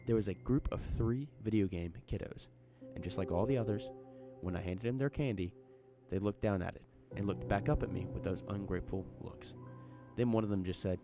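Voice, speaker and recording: A man reading a horror story aloud in a folksy, chatty storytelling manner. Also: lowish voice. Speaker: narrator.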